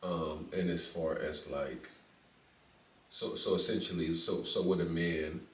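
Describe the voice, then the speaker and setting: A man's voice: sits low, steady tone, a little slow, slight background noise. A man hosting a casual podcast interview, laid-back and slangy. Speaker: podcast host. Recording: echoey room, distant mic.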